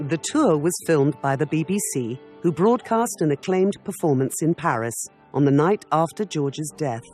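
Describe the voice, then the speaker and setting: A man giving scripted documentary narration in a measured, dramatic way. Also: fairly high pitch, animated, darkish tone, soft background music.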